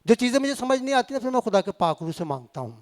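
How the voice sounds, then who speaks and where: Pakistani evangelist, high-pitched man preaching to his congregation, mixing in English and words. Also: big pitch swings, a little mellow. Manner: mixes Punjabi and English words into Urdu, addresses the congregation directly. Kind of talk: sermon. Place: church fellowship hall.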